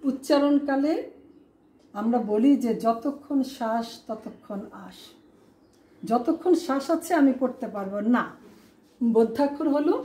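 A woman's voice: on the high side, dark tone. Woman teaching, echoey room. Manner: asks students rhetorical questions; spells out words syllable by syllable. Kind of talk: classroom lesson on grammar.

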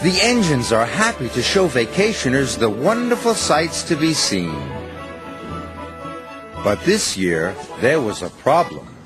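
Male storybook narrator, slow and very animated in pitch. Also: music in the background. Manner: slow, warmly expressive storytelling.

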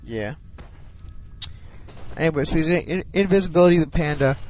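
A man's voice: on the high side, animated, a little fast, darkish tone, slight background noise, low-quality recording. A man giving casual commentary on a strategy game replay, sounding sleepy and hesitant, with many ums and restarts. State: sleepy, yawning.

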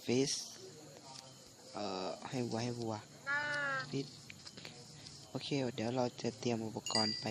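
Slow, halting man with a phlegmy voice. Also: medium pitch, little pitch movement, crowd noise, poor audio. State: recovering from flu, phlegmy with coughs. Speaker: gaming channel host. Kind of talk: casual gameplay commentary.

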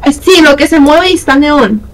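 A woman's voice: sits high, lively intonation, normal speed, a crowd in the background. A woman with a Mexican accent, chatting casually with a gamer, bossy and teasing as she tells him where to go. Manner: bossy, teasing, directs the player. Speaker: co-streamer. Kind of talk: casual chat while watching a game.

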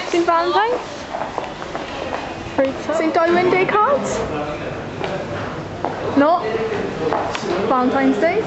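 High-voiced young Welsh Valleys woman presenter. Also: dull audio. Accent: South Wales Valleys. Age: young adult. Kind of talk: presenting an amateur explainer video. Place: small computer room, living room and shopping streets. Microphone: camcorder microphone a few feet away. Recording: roomy echo with clear background noise.

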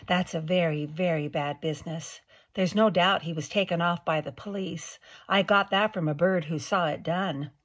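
A woman's voice: lowish voice, steady tone, moderate pace, a bit bright. A woman voicing a male talking beaver, gloomy at times and hearty at others, with a folksy, homespun way of speaking.

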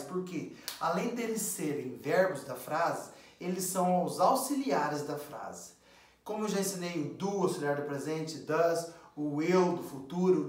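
A man's voice: high voice, darkish tone, recorded from a distance. A man with a Brazilian accent teaching English, drilling phrases over and over and telling viewers to repeat after him. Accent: Brazilian Portuguese. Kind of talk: video English lesson in Portuguese. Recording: very echoey room, voice away from mic.

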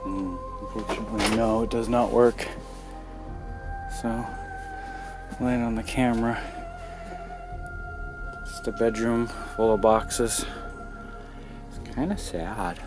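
A man's voice: lowish voice, fairly even intonation, slow, long pauses, over music. A man vlogging as he explores cluttered rooms of an empty house and inspects an old computer, talking in a casual, curious, upbeat way, thinking aloud. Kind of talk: casual handheld vlog narration. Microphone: handheld camera mic.

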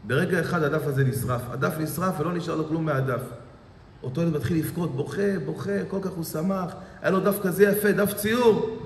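A man's voice: fairly high pitch, a little hiss or hum. A man giving a sermon as a rabbi, telling a parable dramatically with lots of repetition. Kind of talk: sermon with storytelling. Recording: echoey hall reverb.

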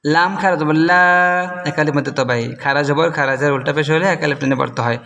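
Man, Bangladeshi Bengali accent, Quran teacher, fairly high voice, long room reverb. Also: creaky, a bit bright. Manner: slow and deliberate, chanting the verses higher and drawn out. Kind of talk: spelling out Quranic Arabic word by word.

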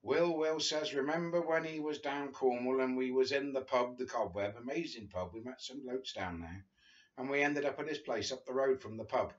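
The dull, lo-fi sound of a video call carries an English man in his fifties reading a memoir as a guest reader. Seated on a sofa in a small living room, he reads informally and with amusement, at medium pitch and a moderate pace.

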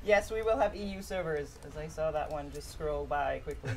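A woman's voice: sits low, lively intonation, moderate pace, darkish tone, slight background noise. Upbeat woman explaining game rules live. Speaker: co-presenter steering the ship. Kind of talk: live stream gameplay commentary.

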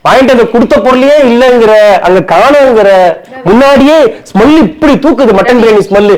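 Man, Chennai Tamil accent, high voice, rapid speech, argumentative comedy bickering, colloquial, repetitive. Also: low-quality recording. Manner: colloquial, argumentative, repeats himself. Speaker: comedy skit performer. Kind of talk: improvised domestic comedy skit, bickering.

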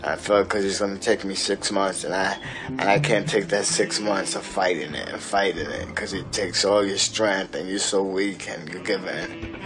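Halting low-voiced man talking to camera. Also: fairly even intonation, over music. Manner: halting, many restarts and fillers. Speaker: interviewee. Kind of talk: casual talk to camera. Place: small apartment indoors.

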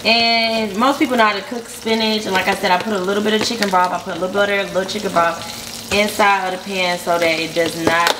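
A woman's voice: mid-range voice, fairly even intonation, fast talker. A young woman chatting casually as she walks viewers through a recipe in her home kitchen. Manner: chatty, explains each step to viewers. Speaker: cooking vlogger. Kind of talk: casual cooking demo. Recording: loud kitchen noise behind.

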